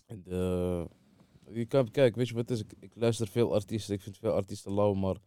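Low, mellow man talking Moroccan-Dutch street slang. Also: steady tone, fairly quick. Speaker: interviewed music artist. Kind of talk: casual chat.

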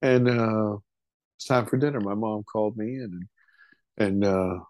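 A man's voice: lowish voice, a little slow, darkish tone, dry recording. Man telling a story with casual swearing. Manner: casual, swears freely, vivid retelling of a childhood experience. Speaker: interview guest. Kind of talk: storytelling in a podcast interview.

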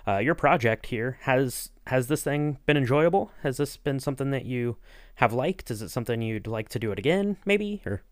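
As the interviewing co-host on a podcast, this man talks in a relaxed, meandering, eager way, dropping "you know" again and again. His medium-pitched voice is expressive and moves at a moderate pace, captured in studio quality without echo.

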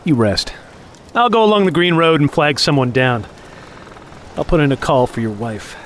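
Acting in an audio drama, a man voices a younger office subordinate on a hunt who chatters with mock cheer, full of taunts and quiet threat toward his hunting partner. The pitch is on the high side and expressive, delivered at a moderate pace and lightly acted, with a faint hiss or hum behind it.

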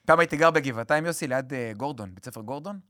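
A man's voice: mid-range voice, bright, forceful tone, no room sound, clean studio sound. A man co-hosting a sports podcast, telling teasing stories and mimicking people. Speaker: podcast co-host. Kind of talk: casual sports banter.

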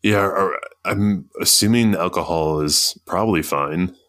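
A man co-hosting a podcast, chatting casually and telling stories in a relaxed way. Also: low-pitched, a little slow. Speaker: podcast co-host. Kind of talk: casual chat.

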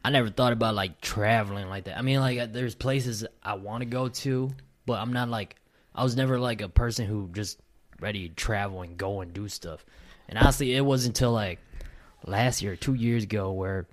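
A man's voice: on the low side, normal speed. A man, chatting casually and rambling with lots of fillers and restarts. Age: late 20s. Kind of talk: casual chat.

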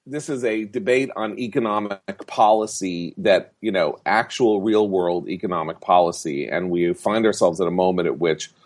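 A man co-hosting a podcast, laying out a political argument point by point in a measured way. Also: on the low side. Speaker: podcast co-host. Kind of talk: casual political chat.

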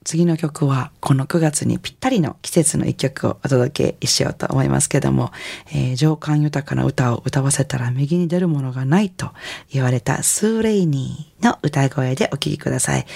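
A middle-aged woman with a Kansai accent, a singer hosting a radio music show in a relaxed, chatty, rambling way. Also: extremely low pitch, moderate pace, gravelly, husky, dry recording. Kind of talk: casual radio DJ talk.

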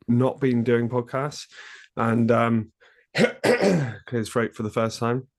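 A man's voice: medium pitch, level tone, a little slow. A man hosting a casual football podcast, his voice nasal and congested from a cold. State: ill with a cold. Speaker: podcast host.

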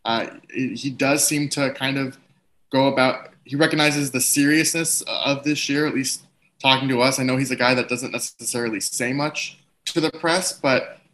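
A man's voice: mid-range voice, fairly even intonation, normal speed, fairly bright tone. A man giving casual sports analysis as a panelist, in a tentative, hedging way. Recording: faint background ambient noise.

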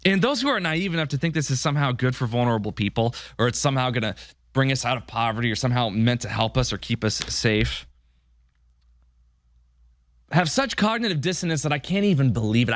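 A man's voice: mid-range voice, no echo, studio quality. An American man hosting a political talk show, delivering an indignant, paranoid-sounding conspiratorial rant with a sarcastic, mocking edge.

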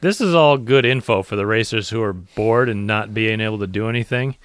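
A man's voice: lowish voice, brisk, smooth, dry recording, studio quality. A man co-hosting a racing podcast, chatting in a laid-back way and laughing often. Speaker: podcast co-host. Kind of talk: casual chat.

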